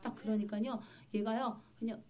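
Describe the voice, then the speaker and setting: A woman's voice: on the high side, steady tone, normal speed, a little mellow. A woman pastor preaching a sermon in church, telling her story vividly and with emphasis.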